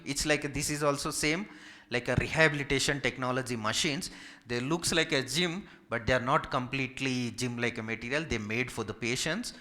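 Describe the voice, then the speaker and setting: A native Telugu speaker from Hyderabad with a Telugu Indian accent, this physiotherapist speaks in a mid-range, bright, forceful voice. He gives an informal medical talk with audience questions, politely repeating himself and listing points with emphasis.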